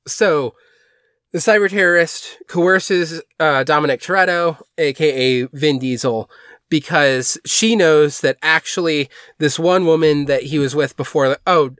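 A man chats casually on a podcast and recaps movie plots, rambling with plenty of fillers and false starts. His voice sits a little high. The recording is dry and close, with no room sound. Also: a bit bright, no room sound. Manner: rambling, many fillers and restarts. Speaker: podcast co-host.

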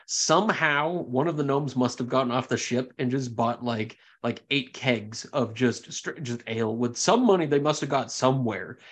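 A man's voice: mid-range voice, normal speed, hardly any pauses. A young man narrating a tabletop game as game master, with rambling, descriptive storytelling. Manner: descriptive, meandering narration with fillers.

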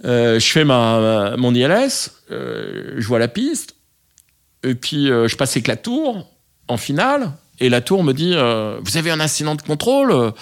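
A man's voice: mid-range voice, big pitch swings, measured pace. A man telling a story from his flying days, hesitant, with many fillers and restarts, acting out radio calls. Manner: acts out radio calls in English. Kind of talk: casual anecdote.

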